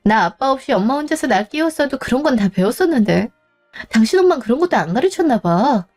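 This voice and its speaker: A woman's voice: high-pitched, very animated, fast, darkish tone, soft background music. A young woman telling a dramatized story in a cutting, sarcastic and firm way.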